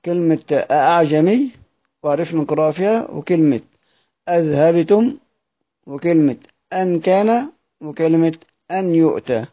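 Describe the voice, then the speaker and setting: A man with an Egyptian Arabic accent gives a patient lesson, his voice slightly high and soft in tone. He slows down to repeat words sound by sound and poses his own questions before answering them. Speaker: teacher of Quranic readings. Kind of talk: explanatory lesson.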